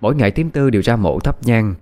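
Calm Southern Vietnamese male storyteller. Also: mid-range voice, quick pace, soft background music. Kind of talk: ghost story narration.

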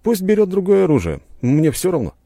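A self-assured young nobleman, voiced by a man answers coolly, with a faint mocking edge. The pitch is lifted well above the reader's deep, dark register. It sounds like a first-person audiobook hero. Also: sing-song, moderate pace, slightly rough, no echo, clean studio sound. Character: young nobleman duelist, cool and confident.

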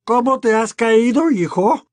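A man putting on a blustering uncle, high and drawn out. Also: slow pace, dry recording. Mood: forced calm. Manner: forced calm turning indignant. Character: blustering middle-aged uncle, suspicious and bullying. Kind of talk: audiobook reading.

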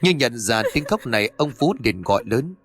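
A man narrating a ghost story in a steady, dramatic way on a close mic. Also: medium pitch, normal speed, dry recording. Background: faint music.

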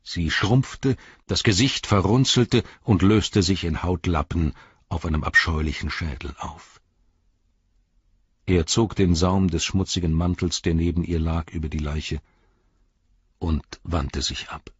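A man narrating an audiobook in a measured, grave way, in a dry, slightly dull recording. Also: low voice, steady tone, husky, dry recording.

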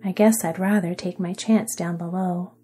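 A woman's voice: on the low side, fairly even intonation, moderate pace, faint music behind, lightly acted. A woman whispering as an old sailor man. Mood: worried. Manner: soft and hushed. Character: old one-legged sailor man, timid. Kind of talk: whispered role-play.

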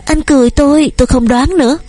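A woman voicing a shy, gentle young woman painter who talks softly and playfully. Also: high voice, fairly even intonation, fast talker, voice pushed up, natural voice. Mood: tender. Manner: soft and sweet, a little playful.

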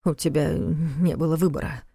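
A woman's voice: low voice, fairly even intonation, fast, dry recording, studio quality, lightly acted. A woman reading an agitated young man. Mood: steadying.

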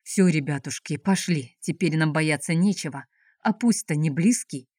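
A sly, cheerful young wanderer, easygoing and teasing, as a woman puts him on. His lines sit a little low and sound dry and close. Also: moderate pace, darkish tone, no echo.

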